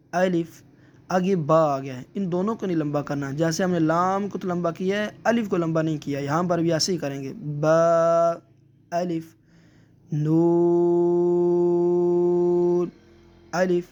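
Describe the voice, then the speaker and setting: High-voiced man teaching Quran reading. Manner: patient explaining, drawing out letter sounds slowly. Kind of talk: step-by-step recitation lesson.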